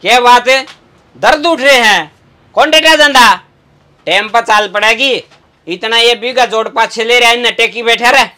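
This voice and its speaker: A young man acts out a brash Haryanvi bus conductor in a comedy sketch. His voice is very high for a man and bright, with a forceful edge. He talks in a scolding, sarcastic way, full of mockery. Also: moderate pace, slight background noise, exaggerated voice. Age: young adult. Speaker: comic actor. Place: inside a parked bus.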